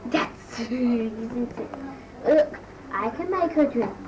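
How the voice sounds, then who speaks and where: A woman voicing a whiny, naive little child in an amateur comedy bit, with halting, repetitive talk. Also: on the high side, expressive. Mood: plaintive tattling. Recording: noisy amateur recording, distant mic.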